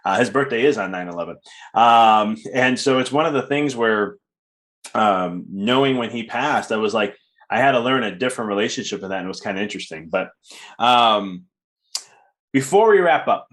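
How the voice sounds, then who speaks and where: A man hosting a podcast, talking in a calm, upbeat, casual way with loose fillers. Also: lowish voice, moderate pace. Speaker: podcast host and coach. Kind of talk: casual interview chat.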